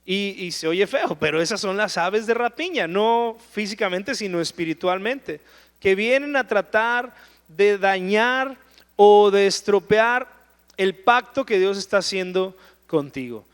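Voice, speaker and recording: A man's voice: sits high, animated, unhurried, clean tone, long reverb tail. A man preaching a verse-by-verse Bible study in an earnest, conversational way. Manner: conversational, earnest, with rhetorical "¿no?" asides.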